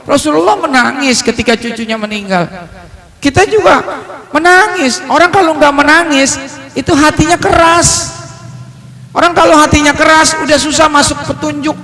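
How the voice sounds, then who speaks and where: A man giving a joking, lively sermon to a congregation, telling stories and quoting Arabic. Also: extremely high pitch, normal speed. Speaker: Islamic preacher. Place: mosque hall. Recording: long hall reverb.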